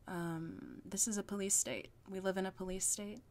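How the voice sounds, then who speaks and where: A young woman talking to her channel in an unscripted vlog, rambling and halting with fillers, often laughing at her own words. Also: medium pitch, fairly even intonation, creaky, a little mellow. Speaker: YouTuber.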